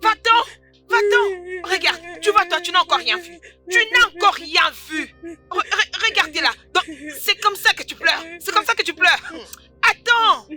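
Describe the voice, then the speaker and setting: A woman's voice: extremely high pitch, normal speed, pushed and bright, faint music behind, full character voice. A woman playing a spiteful young woman who mocks and threatens with scorn, in a dubbed film drama. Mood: threatening. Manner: mocking, scornful taunts. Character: spiteful young woman, cruel taunting bully.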